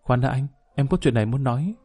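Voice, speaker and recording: A man voicing a weary, guilt-ridden middle-aged wife who speaks softly and pleadingly. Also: medium pitch, fast, slightly rough, soft background music, natural voice. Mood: tender, pleading.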